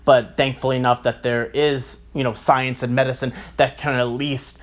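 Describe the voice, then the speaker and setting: Male interviewer, calm therapist type: reassuring, very flat intonation, middling pitch, dull lo-fi sound. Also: normal speed. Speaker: podcast host interviewing a relative. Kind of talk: reflective interview conversation. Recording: dull lo-fi recording.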